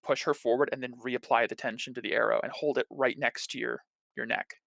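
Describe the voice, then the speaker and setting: A man narrating as game master, relaxed and hesitant, with many fillers. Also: medium pitch, brisk, creaky, no room sound.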